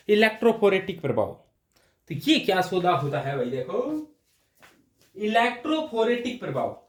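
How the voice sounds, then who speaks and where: A man's voice: sits high, recorded from a distance. A man teaching a chemistry class, explaining step by step and answering his own questions. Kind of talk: classroom lecture. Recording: roomy echo, voice from off mic.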